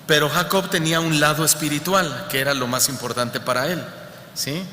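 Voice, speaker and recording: A man's voice: a little high, fairly even intonation, moderate pace, bright, forceful tone, slight background noise. A male pastor preaching a sermon who keeps asking his congregation rhetorical questions. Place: church hall. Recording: echoey church hall with long reverb.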